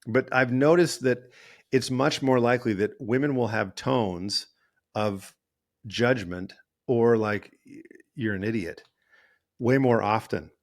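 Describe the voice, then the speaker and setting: A man's voice: mid-range voice, takes it slowly. A male therapist and podcast host talking in a casual, rambling monologue, often correcting himself mid-sentence. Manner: rambling, self-correcting, acts out quoted voices.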